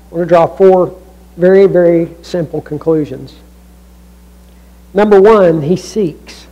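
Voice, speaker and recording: A man serving as pastor delivers a church sermon in a loose, conversational way, full of restarts and asides. He goes from loud emphasis to almost hushed moments, and the recording quality is rough.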